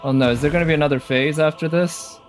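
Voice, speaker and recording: A fast-talking man with a slightly high voice and fairly level intonation gives casual live commentary on a video game, thinking aloud and often questioning what he sees. Loud game music plays behind him.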